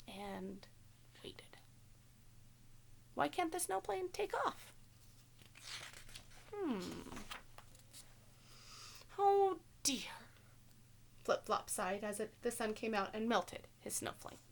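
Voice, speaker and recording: A woman with a high, slightly bright voice reads a picture book aloud to children. She's an elementary school teacher, reading expressively and posing simple questions to her listeners.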